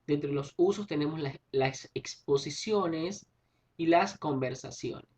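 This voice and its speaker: A man's voice: a little high, unhurried, darkish tone, slightly rough. A male teacher giving a recorded class lesson, explaining patiently, rephrasing himself and checking in with tag questions.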